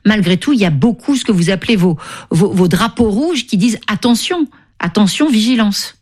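Woman, radio host, medium pitch, emphatic, empathetic, repeats words. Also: expressive, normal speed, a little mellow, breathy edge. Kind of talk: live radio health talk show hosting.

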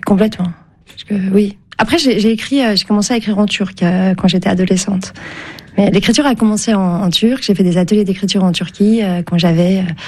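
A woman novelist born in Turkey, Turkish being her first language, is interviewed on radio in French. She has a mid-range, slightly mellow voice and speaks thoughtfully, hesitating with many fillers and restarts.

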